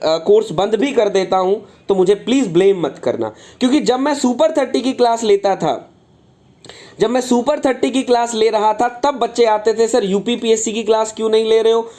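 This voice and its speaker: A man's voice: sits high, darkish tone. A man teaching a live online engineering class. He speaks in a fatherly way, calls his students "beta", repeats his phrases and answers chat comments aloud. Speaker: engineering exam tutor.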